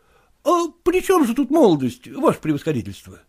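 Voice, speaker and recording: A man's voice: very high-pitched, huge pitch swings, a little fast, husky, pitched above the performer's own voice, full character voice. A man voicing a young male suitor who sounds fawning and whiny. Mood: pleading. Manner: pleading, deferential, whiny.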